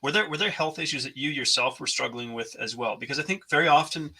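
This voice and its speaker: A North American man hosts a podcast interview in a slightly high, bright, forceful voice with a bit of roughness. He talks fast but in a thoughtful, searching way, restarting often and using many fillers.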